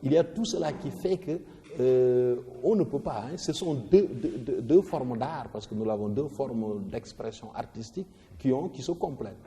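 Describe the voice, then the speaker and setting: A man explains verse rhythm like a teacher at the board, leaning hard on stressed syllables and often restarting words. His voice is mellow and dark. It sits in a room with a long reverb tail. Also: medium pitch, expressive, moderate pace. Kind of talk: explaining a poetry lesson.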